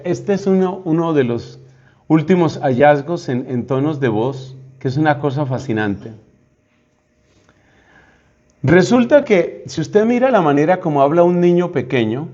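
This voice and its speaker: A man's voice: fairly high pitch, dark tone. A man, a priest, giving a conversational, humorous retreat teaching. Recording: dull lo-fi sound.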